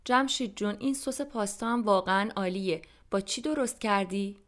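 A woman's voice: mid-range voice, close to an everyday voice. A woman voicing Susan, a curious, friendly female dinner guest, in a scripted language-lesson dialogue.

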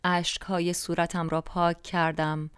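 Older woman slowly reading a wistful memoir. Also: fairly low pitch, flat delivery, clear, resonant tone, dry recording, clean studio sound. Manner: slow, wistful, reflective reading. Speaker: narrator.

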